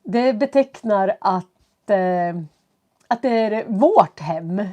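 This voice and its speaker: Teaching from home on a live stream, a woman greets viewers, speaking slowly and clearly for learners despite a stuffy nose and a cough. Her mid-range voice has lively intonation and a dark tone, picked up through a computer setup.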